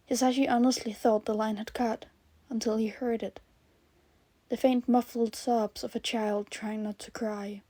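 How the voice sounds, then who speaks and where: A woman reading fan fiction aloud in a soft, earnest storytelling manner. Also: fairly high pitch, dry recording. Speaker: podfic reader. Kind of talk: scripted narration of fan fiction.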